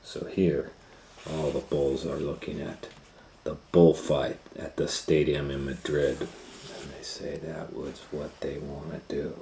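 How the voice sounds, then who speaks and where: In a very deep, level voice, a man reads a children's story slowly and conversationally, stopping to explain things and ask his listeners questions. He's a storytime reader and educator doing an animated read-aloud with asides; the room echoes and there's faint noise.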